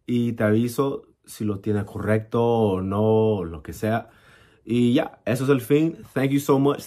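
Slow, low-voiced young man teaching. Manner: relaxed, mixes English and Spanish, explains with gestures. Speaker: language teacher vlogger. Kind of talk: casual bilingual lesson to camera. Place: small bedroom, indoors. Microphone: camera at arm's length.

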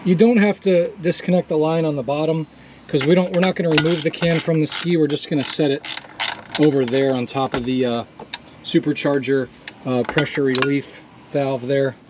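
A man with a slightly high voice talks through a hands-on repair in a casual, matter-of-fact way. He speaks outdoors into a camera microphone. A faint hiss of open air sits behind him. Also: steady tone, moderate pace. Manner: casual, step-by-step, swears when frustrated. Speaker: DIY mechanic host. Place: outdoors beside a jet ski.

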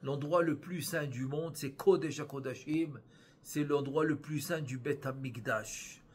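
A man with a fairly high voice gives a religious lesson as a rabbi. He reads each passage slowly, almost chanting it, then goes back over it in plain talk. His explanations repeat the same phrase several times and restart often. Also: breathy edge. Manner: slow, sing-song reading of the Aramaic text, then repeated explaining in French. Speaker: rabbi teaching Kabbalah.

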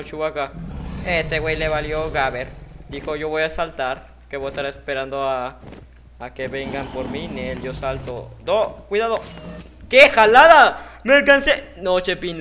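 A young Mexican man narrates his gameplay in an excitable, joking way, full of slang and asides to his viewers. His voice sits at a middle pitch. A clear hiss of noise runs under the home mic. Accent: Mexican Spanish. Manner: excitable, jokey, slangy, talks to himself and his audience. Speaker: gaming youtuber. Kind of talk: casual let's-play commentary.

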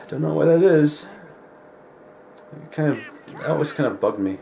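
A man's voice: fairly high pitch, expressive, a little slow, creaky, a little hiss or hum. A man hosting a let's play, talking casually over gameplay with lots of filler words. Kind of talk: casual game commentary. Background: game music.

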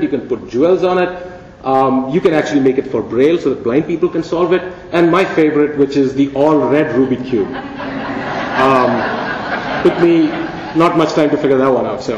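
A man's voice: medium pitch, a little mellow, slight background noise. Man giving a playful keynote in a hall. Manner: playful, conversational, asks rhetorical questions. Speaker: keynote speaker. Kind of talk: conference keynote lecture. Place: large conference hall. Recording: dull, echoey hall recording from a distance.

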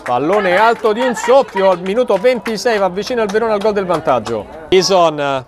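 A man giving live football commentary with breathless, excited goal calls. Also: normal speed. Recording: crowd noise, outdoor pitch. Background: crowd at a small outdoor football ground.

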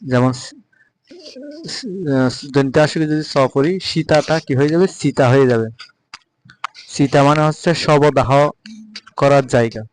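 A man with a Bengali accent giving a patient spoken pronunciation lesson, repeating example words slowly. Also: mid-range voice, fairly even intonation, a little hiss or hum, low-quality recording. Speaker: Sanskrit recitation teacher.

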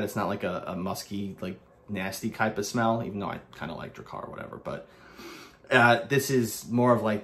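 A man with a Brooklyn New York accent talks through a soap review in a casual, rambling way. His voice sits a little low, and he keeps restarting his sentences with plenty of filler words.

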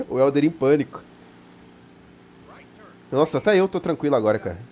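A man with a Brazilian Portuguese accent hosting a let's play, joking and yelling during firefights and haltingly reading mission text aloud. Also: medium pitch, lively intonation, slight background noise. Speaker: gaming channel host.

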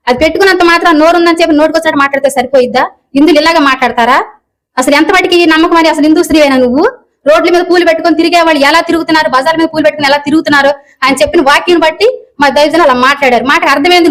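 Woman, high pitch, very fast, reproachful rant full of questions. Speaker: video commenter. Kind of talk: angry rant.

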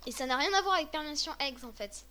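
A woman's voice: high-pitched, expressive, fast talker, sharp tone, slight background noise. A woman hosting a casual game tutorial with a friend, talking in a chatty, hesitant way with many fillers and restarts. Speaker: host of a game tutorial video.

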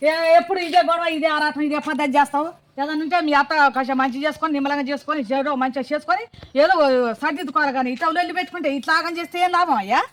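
Fast-scolding high-voiced woman. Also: fairly even intonation. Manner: scolding, rapid-fire nagging. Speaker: comic actress playing a mother-in-law and villagers. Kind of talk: village comedy sketch acting.

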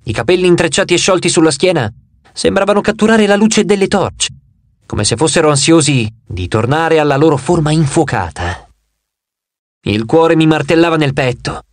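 A man narrating an audiobook with an expressive, animated delivery, his pitch rising and falling freely and sitting a little high. The sound is close and dry, with no room around it. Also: normal speed, dry recording. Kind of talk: scripted narration.

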